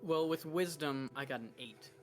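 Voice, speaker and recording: A man's voice: on the high side, moderate pace, soft background music. A man playing in a tabletop game, chatting and joking. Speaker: player.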